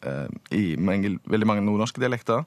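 Deep-voiced man explaining patiently. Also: animated, no room sound. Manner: patient, explanatory, with pauses to find words. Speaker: linguist. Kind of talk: radio interview.

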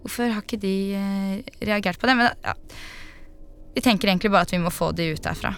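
A young woman giving a vivid eyewitness account in an interview, acting out the shouts of people around her. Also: medium pitch. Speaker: interviewee, partygoer.

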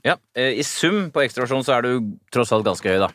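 A man co-hosting a talk show, calmly explaining personality test scores. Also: medium pitch. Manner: measured, explanatory, lists scores. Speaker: podcast co-host.

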